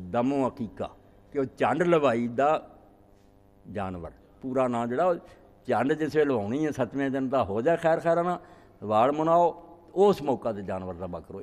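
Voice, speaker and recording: A man giving a religious lecture as a cleric, answering questions with emphatic, scolding rhetorical questions. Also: medium pitch. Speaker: Islamic cleric. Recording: long hall reverb.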